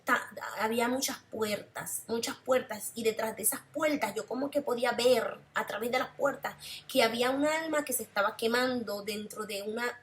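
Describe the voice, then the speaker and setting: Woman, emotional testimony, somewhat high voice, repetitive phrasing. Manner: emotional, repeats phrases for emphasis. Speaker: person giving a testimony. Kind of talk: personal religious testimony.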